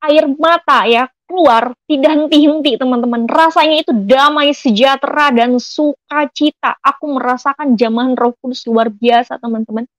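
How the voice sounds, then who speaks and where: A woman's voice: high voice, moderate pace, hardly any pauses, no room sound, low-quality recording. A woman giving an emotional personal faith testimony, telling her story earnestly and often addressing her listeners as friends. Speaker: testimony speaker.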